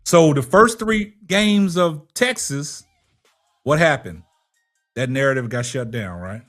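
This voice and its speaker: Emphatic male sports talk host, lively pitch. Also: slow, faint music behind. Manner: emphatic, rhetorical questions, checks with "right?". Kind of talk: sports commentary and debate with a caller.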